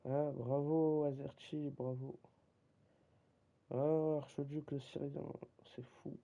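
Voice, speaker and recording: Slow, gravelly young man streaming. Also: fairly high pitch, little pitch movement, muffled recording. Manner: slangy, teasing, keeps saying "gros". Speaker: streamer running a football league. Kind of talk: casual live-stream chat. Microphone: desk microphone.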